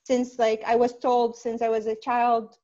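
A woman from Saudi Arabia, in her thirties, speaking earnestly as a podcast guest over a video call from a small home room, with many pauses and "uh"s. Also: fairly high pitch, completely flat delivery, dark tone. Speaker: podcast guest, life coach. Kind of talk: casual interview on a video call. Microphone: earbud headset mic on a video call. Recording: dull lo-fi call audio.

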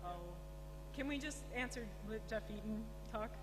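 Echoey, high-voiced woman on a conference panel. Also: normal speed, over loud music. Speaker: panel speaker. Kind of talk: conference question-and-answer discussion. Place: large echoey conference room. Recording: echoey hall, humming background noise.

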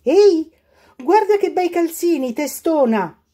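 A woman voicing an exasperated mother who shouts at her daughter in a storybook. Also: high voice, animated, slow, pitched above the performer's own voice. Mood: scolding. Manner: shouting, cross.

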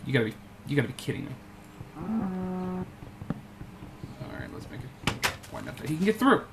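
This gameplay commentator has a high-sitting voice with big pitch swings and speaks at a normal speed. He mutters to himself and coaxes in-game animals during a casual let's-play, with background noise audible.

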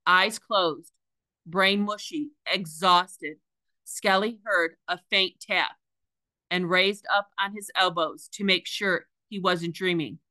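Woman teacher reading a story aloud, slow and bright. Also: fairly low pitch, steady tone, no echo. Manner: careful, deliberate reading with small slips. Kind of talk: reading a novel aloud to a class.

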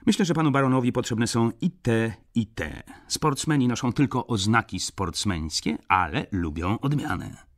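A man's voice: medium pitch, animated, normal speed, pitched above the performer's own voice, lightly acted. A man reading an audiobook, voicing a sly, fawning young shop clerk. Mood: ingratiating.

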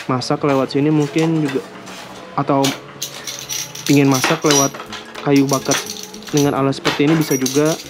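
A man casually unboxing and reviewing camping gear at a table indoors, talking in a relaxed, hesitant way with small laughs. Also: a little high, noisy background. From Indonesia. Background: music.

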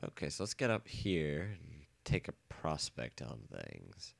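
Very deep, gravelly man, nasal with a cold. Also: huge pitch swings, a little slow, no echo. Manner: rambling, jokey, swears freely. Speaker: let's play host. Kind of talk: casual gameplay commentary.

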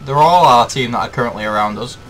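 A man chatting through an online game, his voice bright and forward. He jokes around and reacts quickly, with a faint hum of noise behind him. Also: mid-range voice. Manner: joking, excitable, quick reactions. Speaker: ship pilot in online game. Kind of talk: casual gaming chatter.

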